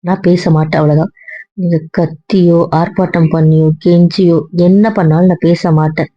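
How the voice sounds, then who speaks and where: A woman's voice: lowish voice, steady tone, moderate pace, no echo, lightly acted. A woman playing a young wife in a hobby audio drama, earnestly pleading and refusing over and over, recorded with a dull lo-fi sound.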